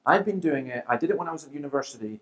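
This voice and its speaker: Animated man telling stories. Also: a little high, very fast, poor audio. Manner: animated storyteller, acts out quotes. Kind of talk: seminar talk with anecdotes.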